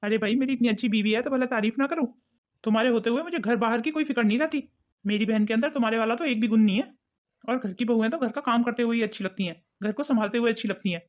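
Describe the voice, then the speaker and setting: A doting young husband in a cartoon family story, voiced by a woman, heaping praise on his wife. He talks quickly in a fairly high voice. The sound is dull and lo-fi. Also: lightly acted. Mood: admiring.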